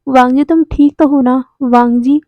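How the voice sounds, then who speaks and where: A woman's voice: sits high, fairly even intonation, moderate pace, no echo, lo-fi sound, natural voice. Woman reading a desperate, pleading young man. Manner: pleading, repeating words.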